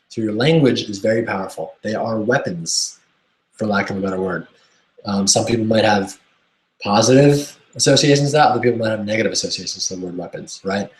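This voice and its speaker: A man coaching a webinar audience on mindset, enthusiastic and often checking in with "right?". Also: lowish voice. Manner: enthusiastic, keeps asking "right?". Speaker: self-help coach. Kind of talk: webinar teaching talk. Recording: roomy echo.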